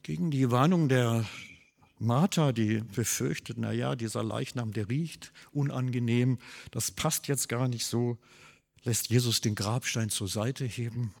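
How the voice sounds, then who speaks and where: A man gives a sermon, his husky voice swinging between loud, stressed phrases and quiet, low asides. The long reverb of a church hall trails after each line. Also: a little slow. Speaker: pastor.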